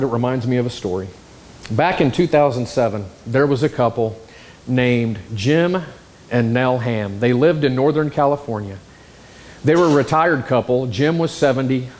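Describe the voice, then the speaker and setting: A man preaching a sermon, telling a story in an animated, exclamatory way. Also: mid-range voice, normal speed. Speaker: pastor.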